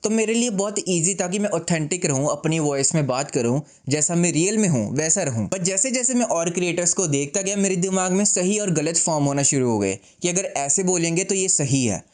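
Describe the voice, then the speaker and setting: A man talking to camera in a casual advice vlog, speaking slowly and deliberately with pauses, mixing English phrases in and making self-deprecating jokes while seated indoors. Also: high-pitched, lively intonation, darkish tone. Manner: slow, composed, deliberate delivery with pauses; mixes English phrases into Hindi. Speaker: YouTuber.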